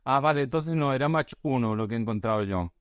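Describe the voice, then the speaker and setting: A man's voice: mid-range voice, fast, no echo. A man co-hosting a casual podcast who jokes and teases his co-host playfully. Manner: joking, playful teasing.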